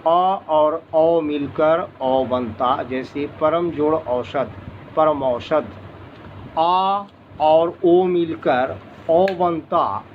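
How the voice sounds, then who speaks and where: A man teaching grammar. He talks deliberately and repeats each rule with worked examples. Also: fairly high pitch. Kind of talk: slow classroom explanation. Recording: dull lo-fi recording with faint background noise.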